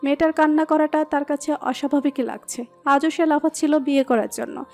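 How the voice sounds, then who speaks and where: A woman narrating a romantic audio story in a steady, expressive reading. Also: sits high, fairly quick. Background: soft background music.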